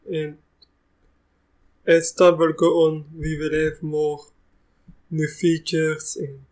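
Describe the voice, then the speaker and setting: Chatty South African-accented man, flat tone. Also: fairly high pitch, poor audio. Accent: South African, with a bit of Russian. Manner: chatty, easygoing, restarts sentences often. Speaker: tech tutorial host. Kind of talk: live screen-recorded software tutorial.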